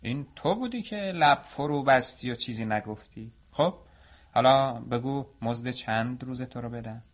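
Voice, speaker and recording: A scheming, greedy master potter talks down to his worker with cool mockery, as a male storyteller voices him. The tone is calm and dismissive in this storybook tale. The recording has a muffled, lo-fi quality. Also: medium pitch, close to an everyday voice. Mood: scornful. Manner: cool and mocking. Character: greedy cunning master potter, older man.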